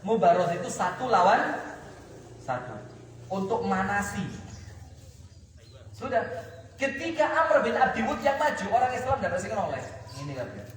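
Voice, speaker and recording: A man's voice: high-pitched, animated, normal speed, pauses often, a little hiss or hum. A male preacher with an East Javanese accent, telling a story in a sermon and quizzing his audience. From East Java, Indonesia. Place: outdoor mosque courtyard. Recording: echoey loudspeaker from far off.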